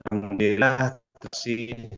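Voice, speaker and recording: A man's voice: medium pitch, fairly even intonation, a bit bright, no room sound. A man from Blora speaking humbly as a guest on a video call, his voice breaking up over a weak village signal. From Blora, Central Java. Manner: unhurried, modest, chuckles often. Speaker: guest speaker on a sales webinar. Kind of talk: humble motivational sharing. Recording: dull, lo-fi, choppy call audio.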